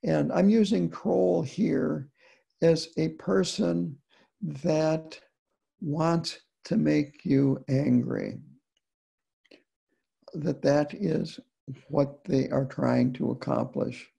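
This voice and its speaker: Buddhist teacher guy giving a dharma talk, raspy gravelly voice, takes his time, lots of pauses. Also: a little high, steady tone, mellow. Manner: unhurried, deliberate, with frequent pauses.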